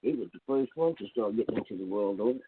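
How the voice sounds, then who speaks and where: A man calling in to a radio show, mumbling rambling remarks over a muffled, bass-heavy phone line that keeps breaking up. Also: expressive, fast talker, slightly rough, no echo. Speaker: caller. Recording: muffled tinny phone line, far from mic.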